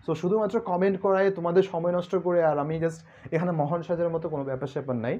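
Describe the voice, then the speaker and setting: A man's voice: fairly high pitch, fairly even intonation, very fast, dark tone. A young man tutoring calculus online, chatty and joking, slipping English words into his talk. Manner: chatty, mixes English words, jokes with students. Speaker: math tutor. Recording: dull lo-fi sound.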